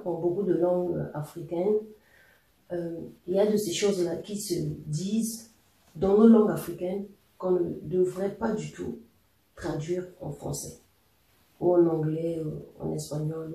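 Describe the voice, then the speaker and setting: A language teacher giving a patient, explanatory lesson, often pausing on fillers while spelling out words and examples. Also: mid-range voice, fairly even intonation, vocal fry, mellow, distant mic. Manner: patient, hesitant with frequent fillers. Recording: echoey room, voice a little off-mic.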